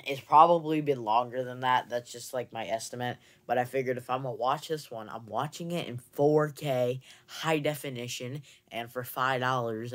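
A young man in a casual haul video, chatting and rambling with many fillers, recorded on a camera mic in a room at home. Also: mid-range voice. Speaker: movie collector vlogger. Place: indoor room with shelves of movies. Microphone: camera mic, seated facing camera.

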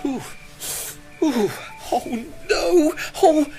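A woman's voice: high voice, lively intonation, drawn-out words, gravelly, full character voice. A woman voicing a clumsy, easily scared male cartoon character who whines in sing-song complaints. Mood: whiny. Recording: loud cartoon music underneath.

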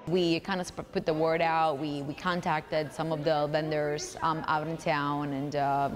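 A woman's voice: sits low, little pitch movement, unhurried, faint music behind. A woman in her thirties giving an enthusiastic, informal on-camera interview. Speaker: event organizer interviewee. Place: large tiled indoor hall. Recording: echoey hall, long reverb.

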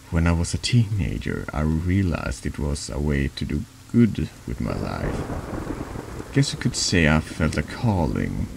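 A streamer with a very deep, gravelly, slightly mellow voice slowly reads a horror text adventure aloud, covering both narration and dialogue in an ASMR-like style. His reading is halting and he stumbles over words, with some noise in the background.

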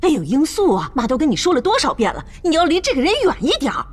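A woman's voice: sits high, big pitch swings, fast. An actress playing a domineering middle-aged mother who scolds and nags her grown daughter in a TV drama. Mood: scolding. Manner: scolding, nagging. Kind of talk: TV drama acting.

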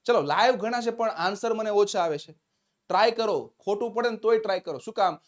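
Upbeat Gujarati man teaching English live. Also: high-pitched. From Gujarat, India. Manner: upbeat, encouraging, drawn-out dictation of English phrases. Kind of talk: live-streamed language lesson.

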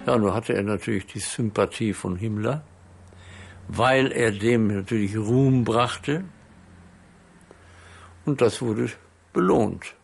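Creaky old man recalling the past. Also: lowish voice, takes it slowly, long pauses, music in the background. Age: 80s. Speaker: eyewitness interviewee. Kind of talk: recollecting in a documentary interview. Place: dark indoor interview studio.

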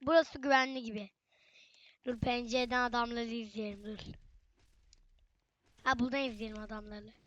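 High, bright-voiced woman gamer. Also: fairly even intonation, normal speed, pauses often, highs cut off. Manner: chatty, exclaims often, talks to viewers. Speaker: gaming channel host. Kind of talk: casual gameplay commentary.

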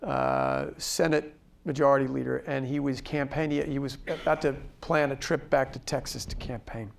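A man's voice: medium pitch, animated, moderate pace, vocal fry. A man, a library director, telling a story on a panel.

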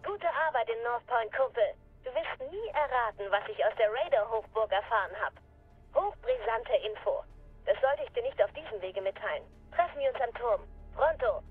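An actress playing a breezy, confident contact in a video game, husky, heard through a radio filter. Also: female voice, on the high side, animated, moderate pace. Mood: confiding. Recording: muffled radio line, faint music.

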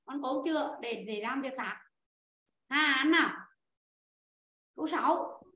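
A woman teacher with a high voice leads an online class, patiently walking through each answer and calling on pupils by turn. The sound is echoey, as if from a bare room over a video call. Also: measured pace, sharp tone. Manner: patient, explains step by step and calls on pupils.

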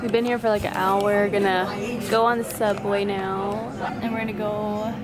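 A woman's voice: medium pitch, level tone, moderate pace, a loud crowd. A young woman vlogging cheerfully while traveling, filmed on a handheld camera. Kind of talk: casual travel vlog chat. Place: outdoors in snow, restaurant, city bus.

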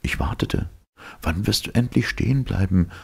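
A man voicing a gentle, fearful young woman born of starlight, speaking softly and tenderly in a husky, gravelly voice raised well above his own. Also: sits low, normal speed, voice pushed up, heavily acted. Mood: dreamy. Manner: soft, tender, wondering. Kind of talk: audiobook reading.

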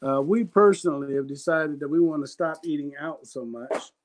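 Brief: man, somewhat high voice, sleepy, joking live seller, punchy item callouts, faint noise behind. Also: moderate pace. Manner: jokey, self-deprecating, announces items with exclamations. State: sleepy, yawning. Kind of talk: casual live sales pitch.

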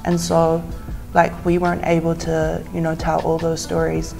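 A woman's voice: sits low, monotone, normal speed, creaky, dark tone. A young woman from South Auckland, a producer speaking earnestly in a casual interview, with plenty of "like". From South Auckland, New Zealand. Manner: earnest, heavy use of "like". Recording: music bed underneath.

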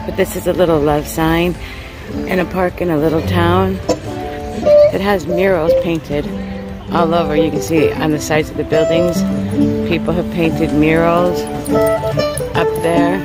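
A woman's voice: low voice, fairly even intonation, unhurried, long pauses, over loud music, low-quality recording. Chatty woman hiker vlogging outdoors. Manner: chatty, friendly, addresses viewers as guys. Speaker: hiking vlogger. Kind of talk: casual vlog talk to camera. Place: outdoors, on a trail and in a small town. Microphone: phone held at arm's length.

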